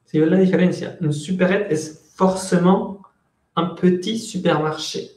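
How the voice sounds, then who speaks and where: A man's voice: high voice, measured pace, a little mellow, echoey room. A man teaching French in an online class, explaining patiently and switching between Spanish and French.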